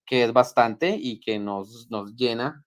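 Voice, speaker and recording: Affirming Colombian host, dry close voice. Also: male voice, medium pitch, takes it slowly, no echo. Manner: agreeable, affirming, steady. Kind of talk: live-stream discussion.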